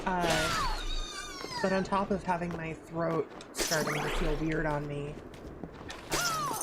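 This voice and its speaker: A woman's voice: low voice, very noisy. A woman with an English accent giving casual, rambling live commentary while streaming a video game. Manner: rambling, reactive, exclaiming at the game. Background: game audio.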